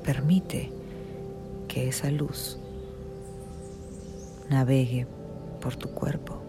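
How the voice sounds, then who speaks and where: A narrator leads a guided meditation in the soothing, hushed manner of a sleep story, leaving long pauses between phrases. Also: mid-range voice, flat delivery. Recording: music behind the voice.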